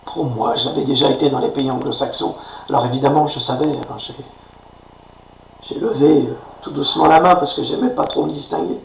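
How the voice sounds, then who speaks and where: A man's voice: medium pitch, fairly quick, creaky, a little hiss or hum. A man delivering an indignant, sarcastic political rant, often tagging his sentences with a questioning "hein", recorded far from the microphone in an echoey room. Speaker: commentator.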